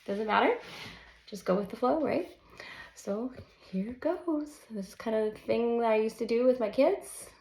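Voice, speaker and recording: Recording live and unedited at her desk at home, a woman in her early forties, a counselor who writes children's books, reads from her manuscript for a personal vlog. Her fairly high, slightly mellow voice has vocal fry, and she comes across candid, a bit nervous, halting, and self-conscious. The untreated room gives a roomy echo.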